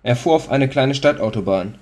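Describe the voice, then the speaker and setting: A man's voice: mid-range voice, expressive, moderate pace, a little mellow. A man reading a story aloud in a dry, matter-of-fact way. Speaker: narrator. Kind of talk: scripted narration.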